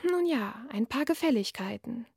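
A woman reading from her novel, voicing a sly, sinister night creature in a slow, coaxing, half-whispered hiss. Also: a little high, animated, vocal fry, a little mellow, slightly rough, no room sound, studio quality, heavily acted.

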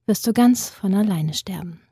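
A woman reading as a hushed, cold-blooded killer. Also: medium pitch, breathy edge, dry recording, clean studio sound. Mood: cold, calm. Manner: quiet, hushed and deliberate. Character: cold calm male serial killer, softly menacing.

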